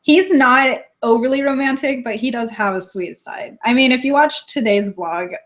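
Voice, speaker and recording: A woman's voice: fairly high pitch, normal speed, fairly bright tone. A young woman hosting a casual live stream, reading viewer questions and answering in a plain-spoken way, often laughing.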